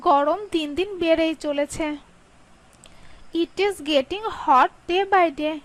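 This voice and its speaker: A woman teaching English sentences, reading a Bengali line quickly and then saying each English sentence slowly twice. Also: very high voice, poor audio. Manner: slow, carefully spaced delivery, Bengali read quickly, English drawn out.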